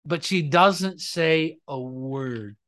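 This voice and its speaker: A man's voice: a little high, a bit bright, no echo. Dry-sounding male preacher, emphatic. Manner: emphatic preaching, sudden rises and slowed, drawn-out phrases. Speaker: pastor. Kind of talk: sermon.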